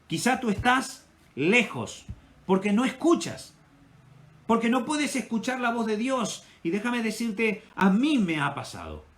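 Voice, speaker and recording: A male pastor with an Ecuadorian Spanish accent preaching a sermon with impassioned delivery, his loudness rising and falling. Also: high voice, very animated, a little slow.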